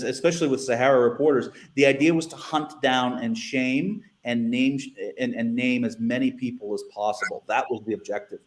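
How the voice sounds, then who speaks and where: A former newspaper editor with an American accent, appearing as a guest on a casual panel, talks in a rambling way, repeating words and restarting sentences frequently. His voice is medium-pitched, and the room is echoey.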